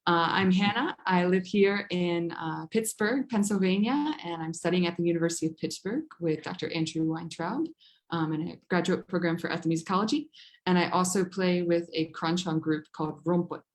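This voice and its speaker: A woman's voice: fairly low pitch, steady tone, normal speed. A woman in her twenties from the United States hosting a formal online competition, reading greetings and official titles in careful order. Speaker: event host. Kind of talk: formal bilingual event hosting.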